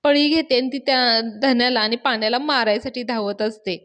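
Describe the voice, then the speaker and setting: A woman's voice: on the high side, steady tone, normal speed, fairly bright tone. A woman reviewing a TV serial episode, retelling the scenes in a storytelling manner and quoting the characters' lines. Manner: storytelling, acting out each character's lines in turn. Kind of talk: retelling a TV episode with quoted dialogue.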